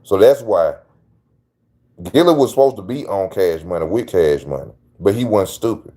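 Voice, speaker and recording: A man's voice: sits low, lively intonation, moderate pace, dark tone. A man hosting his own channel, giving casual opinion commentary in a slangy, emphatic way that repeats his points. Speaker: channel host.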